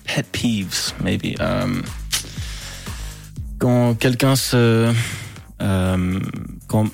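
A calm man giving a casual interview in halting French, slipping in words. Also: on the low side, gravelly, faint music behind. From Switzerland or Britain. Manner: hesitant, halting French with English words mixed in. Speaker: pop singer, interview guest.

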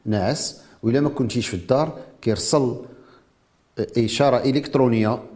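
A man with a Moroccan Arabic accent presents a product in an interview. He talks quickly at a middling pitch and drops French technical terms into his explanation. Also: a little mellow.

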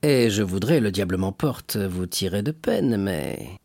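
A man voicing a scheming, contemptuous man in an audiobook reading, lowering his voice to a scornful mutter. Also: animated, unhurried, vocal fry, darkish tone, dry recording, heavily acted. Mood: sly persuading.

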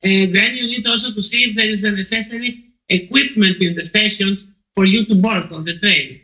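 High, bright-voiced man from Poland. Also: steady tone, moderate pace, low-quality recording. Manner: hesitant, frequent restarts and fillers. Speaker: podcast guest. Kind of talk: conversational interview answers.

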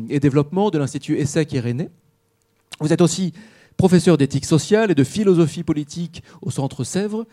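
A man's voice: a little high, warm tone. A man hosting a live talk show, welcoming a guest with effusive, flowery compliments. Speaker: host. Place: studio with live audience.

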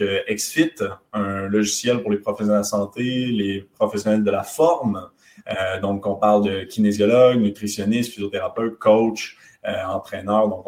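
A man's voice: fairly low pitch, darkish tone, echoey room. A man from Quebec with a light Québécois accent, hosting a live webinar in a casual, hesitant way with many fillers. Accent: light Québécois French. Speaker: webinar host.

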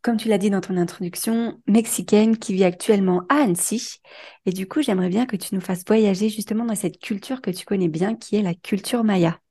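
Mellow-voiced woman podcast host. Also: medium pitch, steady tone, brisk, breathy edge. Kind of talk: casual interview.

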